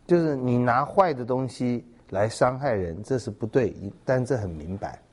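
A man giving a Bible teaching sermon, reading scripture and explaining it in a measured way, with fillers and repeated words. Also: medium pitch, expressive. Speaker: preacher.

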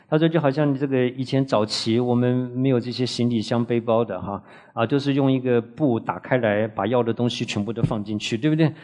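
A man's voice: medium pitch, darkish tone. Man teaching a Bible class. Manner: frequent drawn-out "ah" fillers, asks the class questions. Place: classroom with a live audience.

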